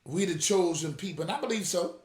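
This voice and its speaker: A man's voice: high voice, a little fast, darkish tone, echoey room. A man hosting a religious commentary show, fiery and scolding, calling out to his audience directly. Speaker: apostle and show host. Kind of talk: reaction commentary.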